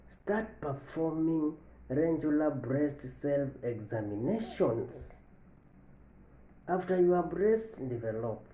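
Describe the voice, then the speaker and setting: A man in his thirties giving a health lesson to camera from an office, slowly repeating each point and stressing the key lines. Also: mid-range voice, warm tone. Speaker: medical educator. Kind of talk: health education talk to camera. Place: office with large window, indoors. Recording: echoey room.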